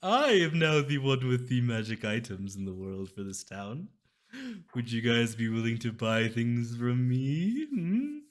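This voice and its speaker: A man's voice: medium pitch, expressive, measured pace, natural voice. A man voicing a sly, eager potion merchant in a tabletop game, coaxing customers like a crafty shopkeeper with questioning hums. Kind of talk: in-character tabletop role-play.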